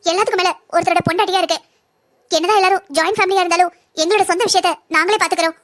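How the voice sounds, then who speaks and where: A woman's voice: very high voice, steady tone, very fast, fairly bright tone. A woman voicing a young wife and mother, a doctor, in a family cartoon drama, pleading yet defiant. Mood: firm.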